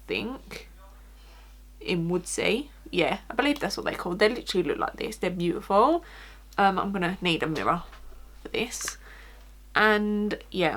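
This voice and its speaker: A woman with an Essex accent chats through a makeup tutorial in a casual, informal way. Her voice sits at a medium pitch. She talks like a beauty vlogger, loosely and conversationally, peppering her sentences with "like". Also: bright, forceful tone. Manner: informal, chatty, frequent "like".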